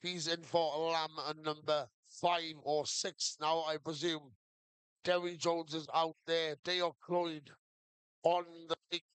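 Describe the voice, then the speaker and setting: A man's voice: fairly high pitch, level tone, slow pace, a bit bright, smooth, dry recording, poor audio. A man commentating live on a sheep shearing competition, calling the action in short play-by-play phrases. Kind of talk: live sports commentary to a crowd.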